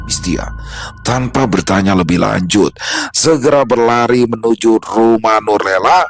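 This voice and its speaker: Low-voiced guy reading a scary story, slow and gloomy, music in the back. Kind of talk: scripted horror narration. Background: background music.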